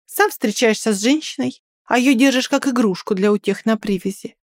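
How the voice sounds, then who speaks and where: A woman's voice: a little high, moderate pace, no room sound, clean studio sound, natural voice. A woman playing a fierce, protective young girlfriend. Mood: stern. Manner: sharp, threatening, then coaxing.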